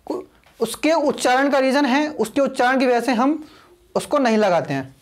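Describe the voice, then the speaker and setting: A man's voice: extremely high pitch, animated, moderate pace. A man teaching a video lesson, explaining patiently and repeating himself, spelling names out letter by letter.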